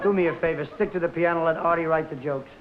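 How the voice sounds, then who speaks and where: A man's voice: fairly high pitch, fairly even intonation, quick pace, noisy background, natural voice. An actor playing a harried male nightclub comic and father, brusque and exasperated with his staff. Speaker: nightclub entertainer. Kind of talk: 1950s sitcom acting. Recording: muffled 1950s TV soundtrack with music.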